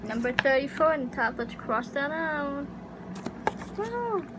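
High and sing-song, her voice moves a little slowly as the young woman vlogs for YouTube in a loose, uncertain ramble full of fillers. A nearby webcam records her in a cramped pink bedroom with an air conditioner. Its hum comes through clearly in this home recording.

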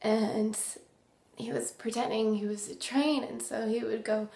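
A young woman acting a remorseful recovering addict in a dramatic monologue, halting and full of tragic sorrow. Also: on the high side, level tone, gravelly, darkish tone. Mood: wistful, halting sorrow. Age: young adult. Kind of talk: dramatic monologue, naturalistic confession. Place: small indoor room. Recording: roomy echo.

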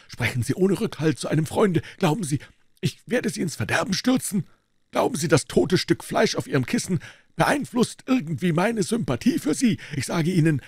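A man voicing an old male doctor who speaks in a calm, persuasive, clinical way. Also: high voice, breathy edge, no echo, studio quality, pitched above the performer's own voice, full character voice.

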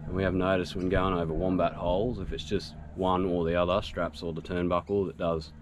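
In a grassy bush camp, an Australian vlogger in his thirties gives a casual how-to walkthrough of something he built himself. His low-pitched voice is brisk, and his relaxed, practical talk is full of fillers, with outdoor noise behind it.

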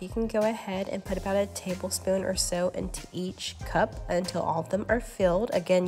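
A woman hosting a cooking channel, talking through recipe steps in a relaxed, instructive voice-over. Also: medium pitch. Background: faint background music.

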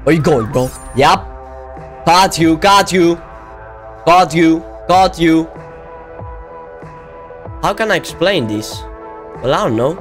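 A young man giving casual, excitable let's-play commentary, often yelling at the game. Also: fairly high pitch, slow pace, long pauses, faint music behind. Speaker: gaming video creator.

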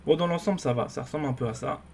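Rambling excitable gaming commentator. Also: male voice, on the high side, very fast, creaky, a little hiss or hum. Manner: rambling, excitable, many fillers and restarts. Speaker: gaming YouTuber. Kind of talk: casual gameplay commentary.

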